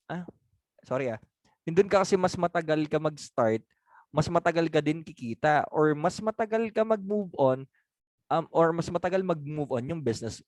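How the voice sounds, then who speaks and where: Guy doing a sales objection coaching talk, kinda high voice, dry sound, keeps checking you agree. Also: no room sound. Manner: conversational, laughs often, asks for agreement. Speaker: sales trainer. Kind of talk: training talk answering objections.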